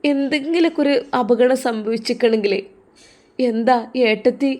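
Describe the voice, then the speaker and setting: A woman's voice: a little high, moderate pace, darkish tone, close to an everyday voice. A woman voicing a stern, protective middle-aged mother who scolds her daughter insistently, with a Malappuram Malayalam accent, in an audio drama. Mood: scolding. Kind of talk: audio drama role-play.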